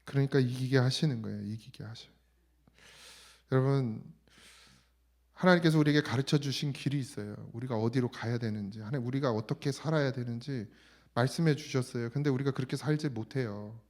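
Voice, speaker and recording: A middle-aged man delivers a sermon in a church sanctuary. He talks to the congregation in a plain, conversational way and lowers his voice whenever he quotes God. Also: brisk, darkish tone. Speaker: pastor.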